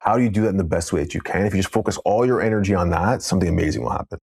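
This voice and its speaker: Man, podcast guest, low voice, rapid delivery, earnest coaching manner, casual storytelling. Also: creaky, a little mellow, breathy edge, no echo, clean studio sound.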